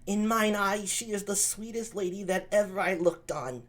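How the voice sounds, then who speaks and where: A reader voicing Claudio, an earnest young man in love, in a high boyish voice for a play reading. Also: moderate pace, natural voice.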